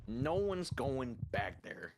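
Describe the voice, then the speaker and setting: A man's voice: mid-range voice, big pitch swings, takes it slowly, noisy background. A man from the American Midwest chatting casually while gaming, rambling and swearing now and then. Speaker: podcast host and gamer. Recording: loud game gunfire behind. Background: game gunfire and explosions.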